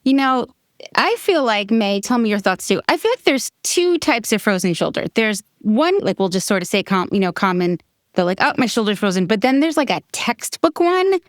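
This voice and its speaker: A woman's voice: on the high side, big pitch swings, moderate pace, dry recording, studio quality. A woman co-hosting a podcast, chatting casually and often agreeing. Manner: agreeing, lots of backchannel. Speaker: podcast co-host. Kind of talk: casual chat.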